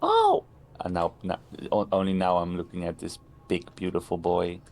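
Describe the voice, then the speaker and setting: A man's voice: low voice, huge pitch swings, normal speed, darkish tone. A man co-hosting a podcast, talking casually and searching for his words. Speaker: podcast co-host. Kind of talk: casual chat.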